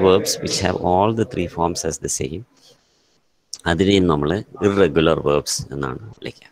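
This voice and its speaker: A man with a low, creaky voice and a Malayali accent teaches English grammar in an online class. He moves between Malayalam and English and calls on students by name.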